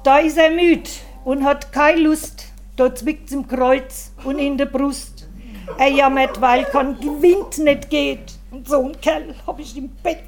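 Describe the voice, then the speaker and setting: A woman delivering a rhymed comic monologue in a wry, deliberate way. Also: high-pitched, steady tone. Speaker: comedian. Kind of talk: rhymed comic monologue about her husband.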